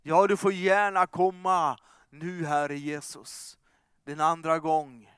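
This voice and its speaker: Fervent preaching man, high, smooth voice. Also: level tone, dry recording, studio quality. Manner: fervent, swings from loud calls to soft hushed asides. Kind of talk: sermon.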